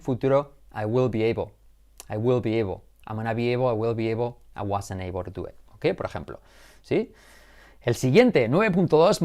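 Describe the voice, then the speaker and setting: A man's voice: medium pitch, darkish tone. A man teaching English in a live online class, chatty and joking as he explains. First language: Spanish. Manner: chatty, explains with jokes and asides.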